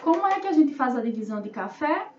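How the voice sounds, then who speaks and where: Quick and very animated, a high-sitting female voice with a Brazilian Portuguese accent leads a remote lesson for young kids, stretching syllables and sing-songing answers to her own questions. She is a primary school teacher. The lo-fi recording sounds distant, roomy and dull, with a little hiss or hum.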